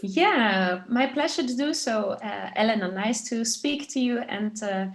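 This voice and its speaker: A middle-aged woman from Austria with an Austrian accent, a business coach answering interview questions thoughtfully, with many pauses and restarts. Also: on the high side, rough recording. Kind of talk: casual interview, video call.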